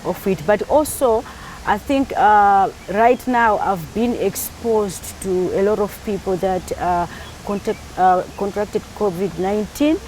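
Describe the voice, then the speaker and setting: Woman from Malawi, middle-aged, chatty interviewee, mid pitch, faint background hiss. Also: a little slow, darkish tone, poor audio. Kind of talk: casual interview.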